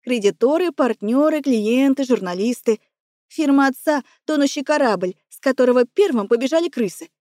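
Woman reading an audiobook in first person, high mellow voice, dry close sound, pretty emotional. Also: expressive, moderate pace, no echo. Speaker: audiobook narrator.

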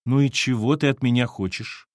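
A man's voice: medium pitch, normal speed, no echo, close to an everyday voice. A man voicing a weary sarcastic ex-husband. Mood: irritated. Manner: dry, irritated, sarcastic. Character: weary, sardonic divorced man. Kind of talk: audiobook character voice.

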